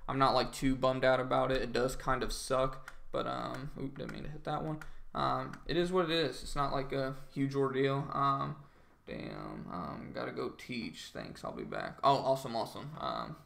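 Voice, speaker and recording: A young man sounding groggy chats casually with viewers during a trading livestream, his gravelly, fairly bright voice at medium pitch and a moderate pace. He rambles, leaning constantly on "um" and "like."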